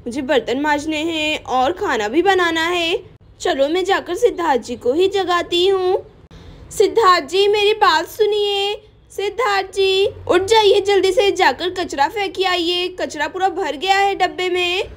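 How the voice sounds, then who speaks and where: A woman's voice: extremely high pitch, unhurried. Woman as a chatty bossy young housewife. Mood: scolding. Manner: chatty, scolding, talking to herself. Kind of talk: storytelling with doll play.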